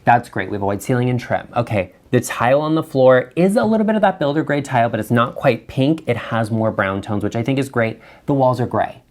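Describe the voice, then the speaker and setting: A man's voice: mid-range voice, animated, brisk, few pauses, a little mellow. A man hosting a design video, chatting frankly and with strong opinions about bathrooms he is looking at. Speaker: interior designer and channel host. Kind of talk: casual design commentary.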